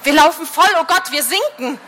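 Woman reading a shrill panicking girl, book reading aloud, high and bright. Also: expressive, normal speed, slight background noise. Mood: panicked.

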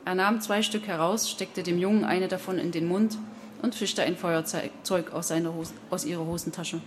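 Lower-pitched woman reading a novel. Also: fairly even intonation, normal speed. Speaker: narrator. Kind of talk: audiobook reading.

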